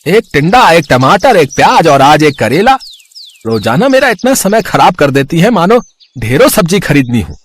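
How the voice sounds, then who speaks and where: A man's voice: fairly high pitch, very animated, normal speed. A man voicing a grumbling vegetable seller in a cartoon, muttering complaints to himself.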